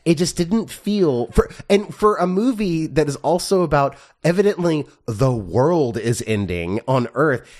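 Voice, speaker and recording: A man's voice: on the high side, expressive, unhurried, few pauses, a little mellow. A man co-hosting a casual movie podcast, thinking aloud in a hesitant way with many restarts. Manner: thoughtful, hesitant, restarts often. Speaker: podcast co-host, film reviewer. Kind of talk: casual chat.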